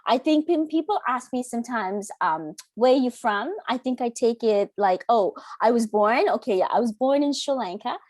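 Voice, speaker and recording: A woman, a teacher chatting earnestly as a podcast guest, often pausing on "um". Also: on the high side, lively intonation, dry recording, clean studio sound. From Canada. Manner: warm, earnest, with frequent "um" fillers. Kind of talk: casual interview chat.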